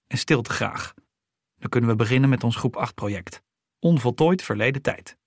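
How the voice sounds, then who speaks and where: A man's voice: medium pitch, moderate pace, no echo, clean studio sound, close to an everyday voice. A man voicing a stern male schoolteacher who gives commands and lectures the class.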